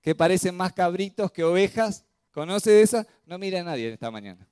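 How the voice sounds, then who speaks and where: A man's voice: high voice, very animated, fairly quick, darkish tone, smooth, no room sound. A male pastor with a Rioplatense Spanish accent preaching a sermon in a church, asking the congregation rhetorical questions.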